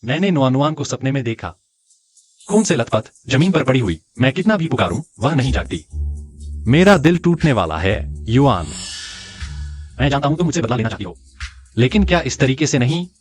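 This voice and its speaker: A man's voice: mid-range voice, sing-song, a little fast, long pauses, slightly rough, soft background music. A man voicing a remorseful father who pleads with his estranged wife in a dubbed drama. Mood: pleading. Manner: pleading, anguished. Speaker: dubbed actor. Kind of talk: Hindi drama dubbing.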